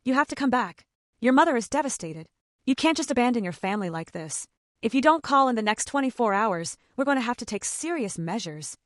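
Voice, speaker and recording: Lady reading a stern dad making threats, pitch jumps around. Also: big pitch swings, a little fast, no echo, clean studio sound. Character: stern father-in-law making demands.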